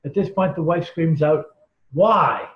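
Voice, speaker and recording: In an interview, a male guest with a voice that sits high tells stories at a moderate pace. He is earnest and emphatic, quoting others and acting out the characters, and the audio is roomy, dull and lo-fi.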